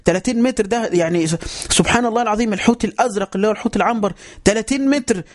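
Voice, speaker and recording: Egyptian male religious teacher, high voice, quick delivery, emphatic and repetitive, keeps calling for listeners' attention. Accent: Egyptian Arabic. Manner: emphatic, repeats phrases, keeps telling listeners to pay attention. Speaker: Islamic teacher. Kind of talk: religious lesson on a voice chat app.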